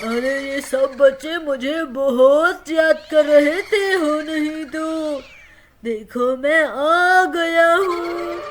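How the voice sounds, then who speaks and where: A woman's voice: sits high, noisy background, pitched below the performer's own voice. A woman voicing a menacing, vengeful male jinn in a doll storybook video, drawing out gloating threats. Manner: slow, gloating, drawn-out threats. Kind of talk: storybook doll-play voice acting.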